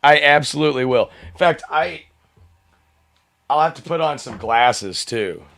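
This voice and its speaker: A slightly hoarse man hosting a live open-mic stream, rambling, swearing and laughing in casual chat. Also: fairly high pitch, animated, unhurried, a bit bright, no echo, studio quality.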